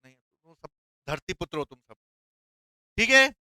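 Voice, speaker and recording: Bright, high-voiced lively male teacher. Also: moderate pace, no room sound. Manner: playful, quizzing students with call-and-response questions. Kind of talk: classroom lecture.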